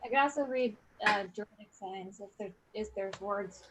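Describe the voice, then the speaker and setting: A woman's voice: medium pitch, normal speed, background noise. A woman chatting casually as a player in a tabletop game, hesitant and searching for words.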